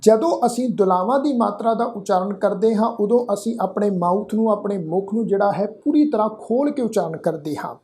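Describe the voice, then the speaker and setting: Mellow-voiced man teaching scripture recitation. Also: high voice. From Punjab, India. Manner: slow, deliberate syllable-by-syllable recitation of verses, then explains spelling; respectful, addresses the congregation formally.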